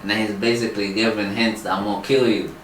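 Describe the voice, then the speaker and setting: A man's voice: level tone, quick pace, a bit bright. A man co-hosting a podcast, casually retelling comedy skits and slipping into voices from them. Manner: retells comedy skits, acting out lines in a high voice. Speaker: podcast co-host. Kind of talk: casual chat. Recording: echoey room with faint hiss.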